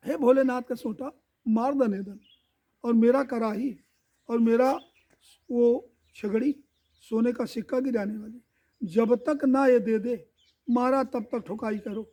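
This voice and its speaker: A man's voice: very high-pitched, fairly even intonation, unhurried, long pauses, warm tone. Man doing an earnest poor young Brahmin.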